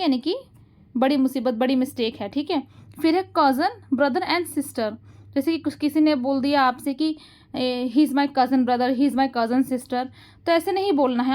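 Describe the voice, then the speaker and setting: A woman with an Indian accent teaching English grammar rules, speaking English slowly and deliberately and her explanations more quickly, repeating points and checking her listeners understand. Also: high voice, a little mellow.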